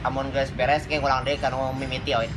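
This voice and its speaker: A man's voice: mid-range voice, completely flat delivery, a little fast, background noise, lightly acted. A man playing a teacher who gives instructions and feedback on reading aloud in a school skit.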